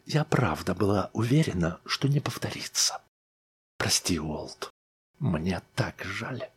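A man voicing a young wife who talks dreamily in her sleep, in a soft breathy whisper. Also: deep voice, lively intonation, slow, pitched above the performer's own voice, exaggerated voice. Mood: apologetic.

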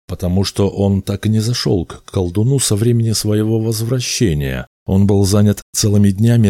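A man reading a fairy tale aloud as an audiobook narrator, in a measured storytelling manner. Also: lowish voice, warm tone, no echo, clean studio sound. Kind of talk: scripted narration.

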